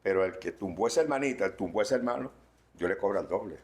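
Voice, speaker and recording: A man preaching a sermon as pastor, swinging between loud warnings and quiet asides. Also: on the low side, lively intonation, very fast.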